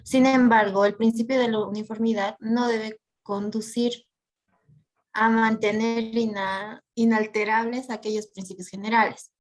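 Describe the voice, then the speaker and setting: A woman's voice: mid-range voice, poor audio. A woman student reads a passage aloud in class. She stumbles now and then and restarts the longer words. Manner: halting reading with restarts on long words. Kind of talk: reading a text aloud.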